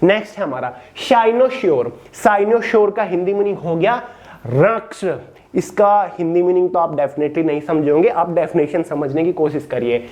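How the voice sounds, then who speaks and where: A man teaching an online vocabulary lesson in Hindi, reading English definitions slowly and calling his listeners friends. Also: sits high, expressive, darkish tone. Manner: addresses listeners as friends and brother. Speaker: exam-prep teacher.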